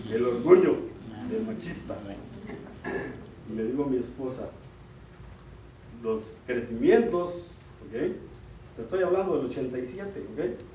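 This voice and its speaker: A middle-aged man gives an earnest church retreat talk as a lay speaker in a mid-range, dark-toned voice. He often checks in, asking the audience "ok?". The recording is roomy and distant, with slight background noise.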